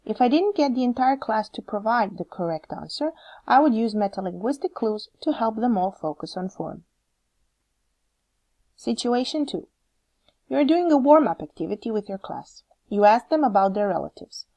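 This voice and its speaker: A woman with a Croatian accent, a teacher trainer giving measured, scripted narration that explains how to correct students. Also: on the high side, expressive, mellow. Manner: measured, explanatory, reads examples aloud.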